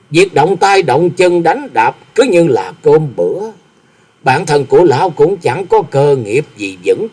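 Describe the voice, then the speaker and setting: A man voicing a distraught, wronged middle-aged wife who laments slowly and bitterly through tears in a story reading. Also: on the high side, dark tone, husky, pitched above the performer's own voice. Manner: tearful, slow, accusing lament.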